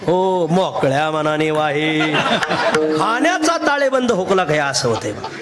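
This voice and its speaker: A man's voice: on the high side, very animated, measured pace, over a noisy crowd. A man from Maharashtra preaching a devotional kirtan sermon, telling stories with humour and sing-song emphasis, often laughing as he talks.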